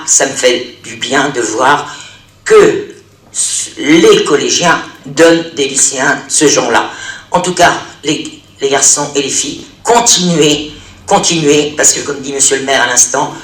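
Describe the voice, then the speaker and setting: A man, a local elected official, giving a formal, praising speech at a public event, halting and restarting as he speaks. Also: medium pitch, a bit bright, far from the mic. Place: large hall with an audience. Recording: echoey hall recorded from afar.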